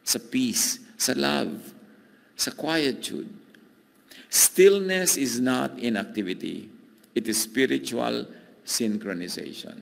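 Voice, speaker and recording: Gravelly preacher in a reverberant hall. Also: male voice, mid-range voice, animated. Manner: emphatic, drawn-out phrases with dramatic pauses. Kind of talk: Taglish sermon teaching.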